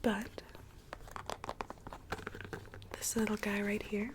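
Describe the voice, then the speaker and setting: A woman playing a sweet rogue Alice from a storybook in a whispered ASMR roleplay, telling her tale in a soft, coaxing, theatrical way. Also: medium pitch, level tone, moderate pace, background noise, natural voice. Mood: confiding, earnest.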